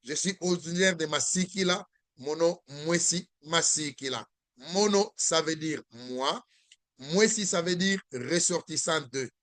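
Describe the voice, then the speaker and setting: A man teaches a language class over a video call at an unhurried, deliberate pace. His voice sits fairly high and the sound is dry and close, with no room behind it. He repeats words patiently for his learners. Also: a bit bright, no echo. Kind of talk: online language lesson.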